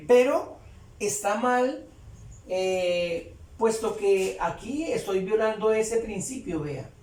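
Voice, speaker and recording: A man teaching English grammar in Spanish, explaining slowly and repeating phrases as he writes on a board. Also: high voice, darkish tone, recorded from a distance. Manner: slow, repeats phrases while writing. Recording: echoey room, voice away from mic.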